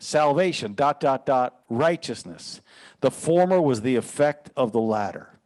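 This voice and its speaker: A man preaching as a pastor, teaching earnestly and quoting scripture in a sermon. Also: a little high.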